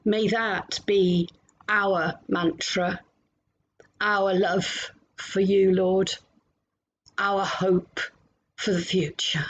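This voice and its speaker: A woman minister at home, leading a gentle, meditative prayer and reflection with long pauses. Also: mid-range voice, little pitch movement, lo-fi sound.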